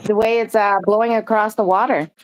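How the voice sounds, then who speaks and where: A woman's voice: medium pitch, fairly even intonation, fairly quick, no room sound, poor audio. A middle-aged woman from Guam, hosting a live stream in casual, chatty talk.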